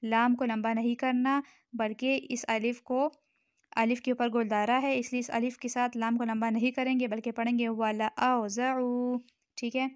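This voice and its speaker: A woman with a Pakistani Urdu accent teaching Quran recitation rules, patiently repeating each word slowly and checking in with her listeners. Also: on the high side, flat delivery, no echo. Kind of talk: tajweed lesson explanation.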